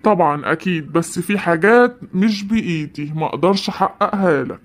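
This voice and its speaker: Cartoon dub: someone playing a calm, servile genie of the lamp with an Egyptian Arabic accent, mid voice. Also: medium pitch, fairly quick, close to an everyday voice. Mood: obliging. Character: obliging male genie of the lamp.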